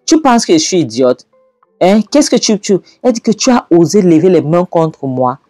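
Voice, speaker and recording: A man voicing a furious, scheming middle-aged mother-in-law in a spoken movie recap, with a shrill, indignant delivery. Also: sing-song, moderate pace, warm tone, dry recording, faint music behind. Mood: outraged.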